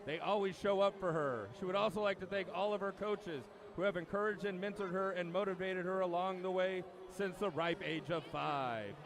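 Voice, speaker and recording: A man announcing at a swim meet, introducing swimmers in a measured, emphatic way with the odd dry aside. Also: high voice, noisy background. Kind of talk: public address announcement.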